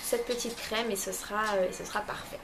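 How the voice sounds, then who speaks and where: A woman's voice: medium pitch, steady tone, brisk, gravelly, background noise. A young woman casually reviewing beauty products from a subscription box, hesitant, with many fillers and restarts. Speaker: beauty vlogger.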